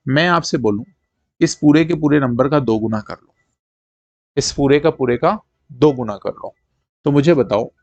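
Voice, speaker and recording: A man teaching a live-streamed maths lesson, drilling fractions and percentages in quick call-and-response and checking that his students follow. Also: fairly high pitch, no echo, muffled recording. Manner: coaxing, repeats "ठीक है" to check students follow.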